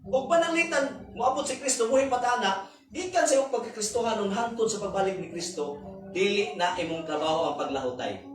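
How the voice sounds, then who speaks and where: A man's voice: high voice, expressive, fairly quick, soft background music. A man with a Cebuano accent preaching a sermon, with emphatic rises and drops and English scripture quotes mixed in. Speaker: pastor. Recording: echoey hall from far off, faint background noise.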